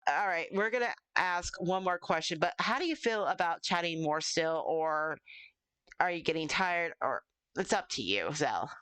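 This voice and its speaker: Woman streamer just chatting, smooth clean voice, kinda rambly and playful, dry sound. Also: on the low side, animated, moderate pace, fairly bright tone, no room sound. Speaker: streamer hosting an interview stream. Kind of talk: casual chat.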